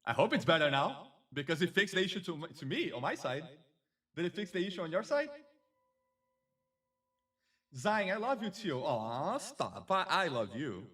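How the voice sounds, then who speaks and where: A man's voice: a little high, sing-song, normal speed, long pauses, fairly bright tone. Upbeat man hosting a stream, distant mic. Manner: upbeat, chatty, effusive. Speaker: community stream host. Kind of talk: casual live-stream chat.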